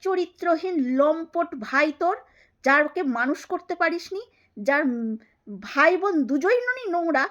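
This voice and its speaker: Brief: woman, 30s, high voice, mocking and scolding, hammers each point twice. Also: lively intonation, measured pace, fairly bright tone, lo-fi sound. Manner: taunting, scolding, repeats her jabs. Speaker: YouTube creator. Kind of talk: angry callout monologue to camera.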